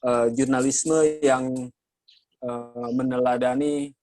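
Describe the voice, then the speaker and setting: An Indonesian man moderating a journalism training session, speaking in a measured way with many hesitations. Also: medium pitch, fairly even intonation, a little mellow, no room sound, low-quality recording. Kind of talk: workshop moderation, lecturing.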